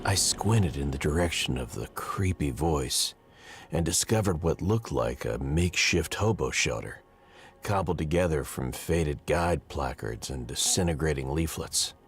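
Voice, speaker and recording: A man voicing a sardonic male detective, reading game dialogue aloud in a low, husky voice. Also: animated, measured pace, heavily acted. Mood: brooding. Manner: hardboiled, sardonic. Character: gruff male detective investigating.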